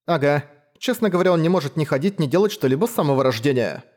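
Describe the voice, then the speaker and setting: A man's voice: on the high side, expressive, fast talker, a little mellow, voice pushed up, lightly acted. A man voicing a young woman hunter who is bold and pleading, with a lilting, coaxing manner. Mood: teasing.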